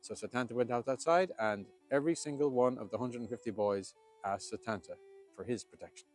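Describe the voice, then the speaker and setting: A man's voice: medium pitch, brisk, soft background music. An Irish man telling a myth as a storyteller, with a lilting, dramatic delivery. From Ireland.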